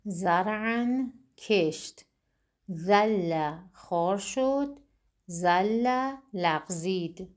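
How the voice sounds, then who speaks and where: A woman teaching Quran recitation in a step-by-step spoken lesson. She explains clearly and patiently, and she drills syllables slowly. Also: fairly low pitch, a little mellow.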